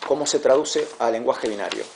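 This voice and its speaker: A man teaching a class, patient and repetitive, checking understanding with quick questions. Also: mid-range voice, noisy background. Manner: patient, repeats words, asks "¿sí?" to check. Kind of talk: classroom lecture.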